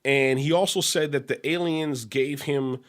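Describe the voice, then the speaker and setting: A man's voice: medium pitch, steady tone, unhurried. A man co-hosting a casual chat show, telling loose, profane stories and laughing along the way. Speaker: podcast co-host.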